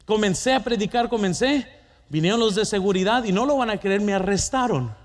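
A man's voice: high-pitched, fairly quick. A middle-aged man preaching a sermon, telling a personal story and asking the congregation questions.

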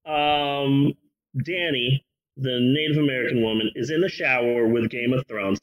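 A man's voice: mid-range voice, measured pace. A man hosting a casual movie review chat, ranting and swearing freely. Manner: animated, profane, ranting. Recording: muffled lo-fi audio.

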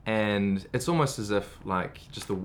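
A man with a low-leaning, expressive voice speaks at a measured pace as a guest on a casual podcast about medical research. He sounds thoughtful, and his speech is full of "you know" fillers.

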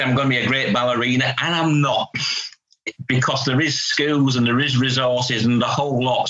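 A man's voice: mid-range voice, bright, forceful tone. A middle-aged man with a northern English accent from Hull, talking in a plain-spoken, down-to-earth way as an expert guest. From Hull, England. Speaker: interview guest, psychologist. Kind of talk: conversational expert discussion. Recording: dull lo-fi audio.

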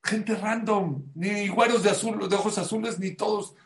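A high-voiced man delivers a sermon in an echoey room. His delivery is animated, jumping between loud, stressed lines and hushed asides as he teaches and tells a story. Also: moderate pace. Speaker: religious teacher. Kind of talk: sermon with anecdote.

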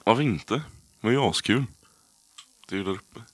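A man's voice: fairly low pitch, expressive, slightly rough, no room sound. A young man chatting casually on a podcast, mumbling and answering in short words. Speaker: podcast co-host. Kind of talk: casual chat.

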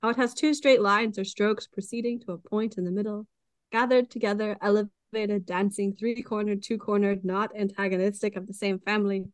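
Woman co-host, medium pitch, reads passages plainly and drops dry quips; dry close mic. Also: no room sound, rough recording. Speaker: podcast co-host reading the story. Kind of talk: casual chat reading passages aloud.

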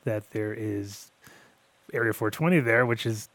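A man's voice: fairly low pitch, a little slow, a bit bright, no echo. A man in his fifties from upstate New York, hosting a casual interview and asking loose, rambling questions. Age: 50s. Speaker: podcast host.

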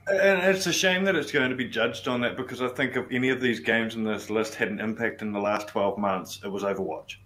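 A man's voice: lowish voice, a little fast, hardly any pauses, pushed and bright. A man co-hosting a podcast in casual, conversational chat. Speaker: podcast co-host. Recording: faint background noise.

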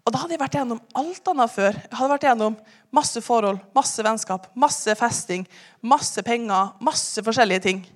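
With a voice on the high side, a young woman recounts her own story as a testimony in church, speaking earnestly and frequently lowering to a whisper-like hush.

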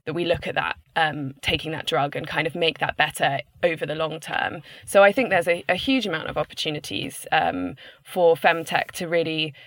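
A woman's voice: low-pitched, steady tone, moderate pace, a bit bright, no echo. A woman founder speaking on a panel call, hesitant with frequent restarts and fillers.

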